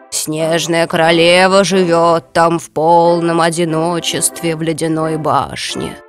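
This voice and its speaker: A storybook grandmother, old and unhurried, lowering her voice to tell a tale, as a woman narrator puts her on. She speaks slowly and quietly. Faint music runs under her. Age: older. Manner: slow, hushed storytelling.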